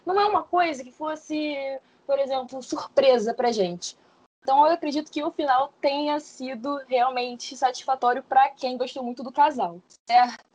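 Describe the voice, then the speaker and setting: High-voiced young woman. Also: moderate pace, a little mellow. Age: 20s. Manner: explains at length, with frequent hedging fillers. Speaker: podcast guest. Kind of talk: casual podcast discussion.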